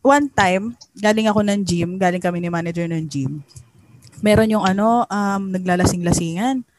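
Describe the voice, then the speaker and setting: A woman co-hosting a podcast, telling an animated story in casual chat and laughing often. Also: on the low side, moderate pace, background noise. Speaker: podcast co-host.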